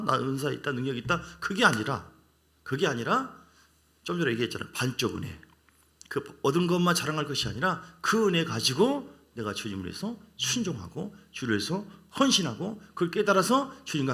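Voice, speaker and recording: A male pastor with a Jeolla Korean accent, preaching a sermon in an animated way and acting out the voices of the people he quotes. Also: a little high.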